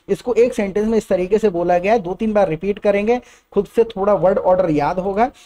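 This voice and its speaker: A man's voice: high-pitched, warm tone. A man with an Indian accent teaching spoken English step by step, often checking in with "Getting my point?".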